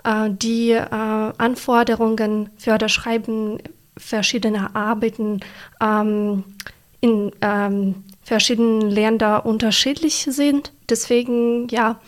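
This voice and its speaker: A woman's voice: a little high, flat delivery, slow. Hesitant young woman. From Ukraine. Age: young adult. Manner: hesitant, many fillers and restarts. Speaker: exchange student, interviewee. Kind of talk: interview answers.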